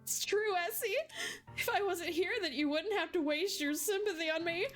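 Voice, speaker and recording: High-pitched, tearful teen girl, sweet but crumbling, voiced for a game reading by a woman, pitch swinging wildly. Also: lively intonation, a little slow, faint music behind. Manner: high, wavering, tearful pleading. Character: cheerful yet heartbroken teenage girl.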